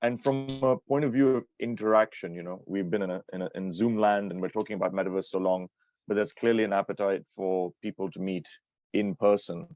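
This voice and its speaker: A man's voice: low-pitched, fairly even intonation, brisk, a little mellow, no room sound, lo-fi sound. A man co-hosting a podcast, asking long, winding questions with many restarts. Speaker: podcast co-host. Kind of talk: interview questions.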